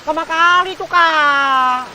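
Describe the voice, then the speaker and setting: A woman's voice: high voice, takes it slowly, slight background noise, full character voice. A woman playing a chatty, teasing neighbor and mother who scolds her child in a comedy skit. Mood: persuasive. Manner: teasing and laughing, scolds loudly. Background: background music.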